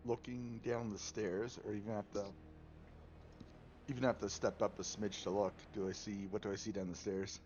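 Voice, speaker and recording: Chill young guy playing dnd, lowish voice, kinda lo-fi audio w faint music. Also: little pitch movement, moderate pace, darkish tone. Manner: laid-back, self-correcting. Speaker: player. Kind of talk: casual tabletop game play. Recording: dull lo-fi recording, faint music.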